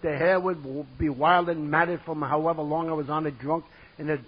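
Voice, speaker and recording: New York man, husky and a bit high, theatrical comic storyteller, dull lo-fi tape. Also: fairly even intonation, fairly quick. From New York City. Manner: vivid, self-mocking and theatrical. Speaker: recovery meeting speaker. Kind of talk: comic personal storytelling to an audience.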